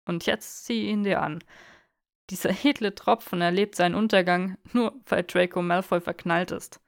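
A woman's voice: fairly low pitch, steady tone, creaky, no room sound, clean studio sound. A woman voicing a smug young male wizard who teases his friend, in an audiobook reading. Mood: teasing. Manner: amused, teasing, unhurried.

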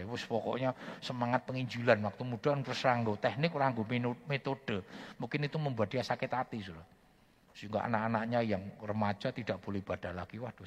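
A man's voice: mid-range voice, long reverb tail, dull audio. A man preaching a sermon, telling stories animatedly and often addressing his listeners directly. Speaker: pastor.

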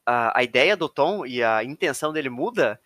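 A man's voice: mid-range voice, lively intonation, moderate pace, fairly bright tone, no room sound, clean studio sound. A man in a casual book discussion, chatty and eager to add details.

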